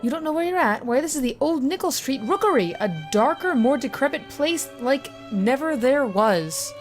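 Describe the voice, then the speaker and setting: A woman's voice: sits high, big pitch swings, moderate pace, soft background music, pitched above the performer's own voice. A woman voicing a bold, theatrical slum dweller in a video game. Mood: showy.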